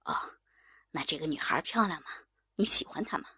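Woman voicing a middle-aged husband, unsuspecting and easygoing, deep-set low voice. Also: lively intonation, normal speed, bright, forceful tone, husky, exaggerated voice. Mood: curious.

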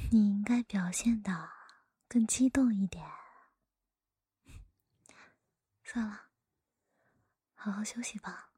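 Woman acting a teasing older sister, breathy whispered role-play right in your ear. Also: medium pitch, dark tone, no echo, studio quality. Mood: tender, coaxing. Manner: slow, intimate whispering right in the listener's ear. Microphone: close microphone, dry.

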